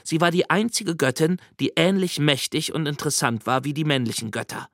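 A man reading a children's audiobook excerpt in a calm, measured storytelling manner. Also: on the high side, no echo, clean studio sound. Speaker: audiobook reader. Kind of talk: scripted narration.

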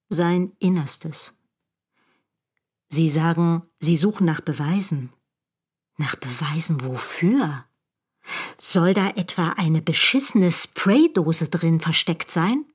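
Low-voiced woman narrating intensely. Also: animated, slow pace, husky. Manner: intense, second-person, rhetorical. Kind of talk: dramatic scripted narration.

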